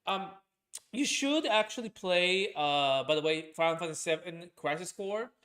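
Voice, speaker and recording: A man's voice: sits high, animated, normal speed, a bit bright. Rambling man with a raised voice. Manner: rambling, many fillers and restarts. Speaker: streamer and podcast host. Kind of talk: casual chat.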